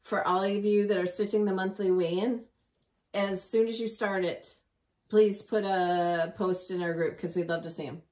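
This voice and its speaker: A woman's voice: medium pitch, fairly even intonation, normal speed, a little mellow, far from the mic. Friendly woman co-host, a bit frazzled. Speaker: co-host of a cross-stitch video show. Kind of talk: casual chat, announcements and sign-off.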